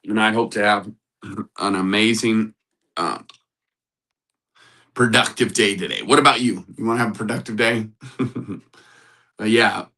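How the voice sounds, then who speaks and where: A man's voice: lowish voice, fairly even intonation, a little slow, pauses often, pushed and bright, rough recording. A man hosting a casual live stream as a matchmaker, upbeat, greeting viewers in the chat and repeating motivational phrases. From United States. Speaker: livestream host and matchmaker.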